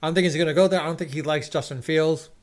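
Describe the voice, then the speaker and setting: Guy ranting about football on a live stream, kinda high voice, rambles and restarts a lot. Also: fairly even intonation, rapid-fire. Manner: rambling, restarts sentences, opinionated. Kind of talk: casual sports rant. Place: at home, checking scores on screen.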